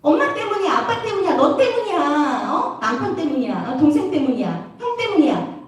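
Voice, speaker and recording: A sulky teenage student whines and grumbles resentfully, as a woman puts the kid on. The voice sits high and swings widely. It is heard from a distance in a very echoey hall. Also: big pitch swings, moderate pace, slight background noise. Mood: blaming. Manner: whiny, resentful complaining.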